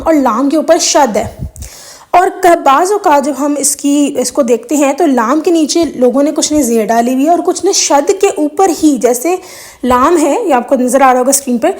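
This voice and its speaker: A religious video host whose native tongue is Urdu speaks in a high-pitched, darkish voice. In a casual, earnest talk to viewers, she explains correct prayer recitation with examples, sprinkling in English phrases.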